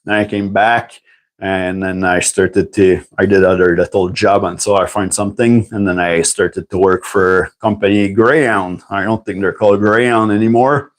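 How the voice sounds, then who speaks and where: On his livestream, a man with French as his first language chats loosely and takes questions from viewers. He speaks at a normal speed in a low, steady voice, wandering from point to point and often clearing his throat.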